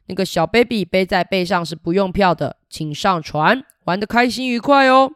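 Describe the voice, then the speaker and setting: A woman's voice: medium pitch, moderate pace, smooth, no echo, studio quality, natural voice. Woman doing a hearty walrus ship captain. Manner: loud, hearty, orderly.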